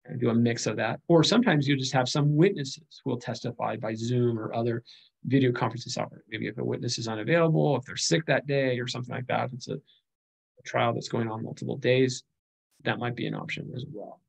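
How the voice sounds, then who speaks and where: A man's voice: mid-range voice, brisk, gravelly, slightly rough, low-quality recording. A middle-aged man giving a recorded slide lecture on legal studies, speaking conversationally with frequent fillers and restarts.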